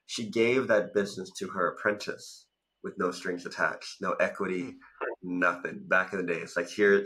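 A low, fairly bright voice comes through poor audio from a Thai man in his thirties. As a business coach and founder guesting on a relaxed interview, he talks at length about his business journey with plenty of "like" fillers. He is on a video call from home, speaking into a studio mic positioned in front of him.

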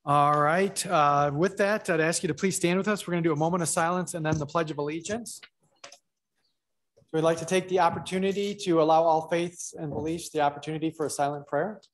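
A man with a fairly high voice chairs a city council meeting as mayor. He moves through procedure in a relaxed, informal way. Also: brisk.

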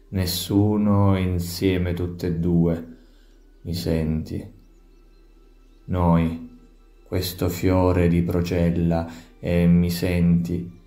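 A man giving a soft, measured, intimate poetry reading, trailing off at each refrain. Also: deep voice, roomy sound. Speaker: poetry reader.

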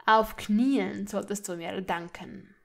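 A woman reading a fan audiobook puts on an arrogant young man who mocks in a calm, unhurried drawl. His voice stays level and amused. Every sneering line comes out slow and relaxed. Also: mid-range voice, creaky. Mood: mocking.

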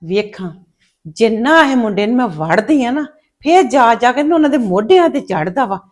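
A woman's voice: fairly high pitch, expressive, normal speed. A woman playing a spiteful jealous sister-in-law. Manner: bitter muttering. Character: spiteful jealous young mother grumbling.

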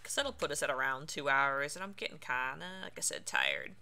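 A woman streamer gives playful, casual let's-play commentary, reacting aloud while she plays a video game. Her deep voice has a sharp tone, big pitch swings, and a slightly fast pace.

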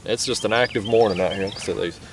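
A young fishing vlogger talks casually to camera from a kayak on a foggy river, easygoing and chatty, drawling "y'all" and "ain't." His fairly low voice is fast, with faint music behind. An action camera mounted on the kayak picks him up along with faint outdoor river noise.

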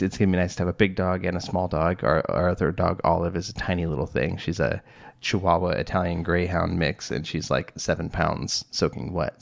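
This solo podcast is hosted by a middle-aged man who is a psychologist. His voice is deep and creaky, and his casual, rambling talk is full of fillers and false starts.

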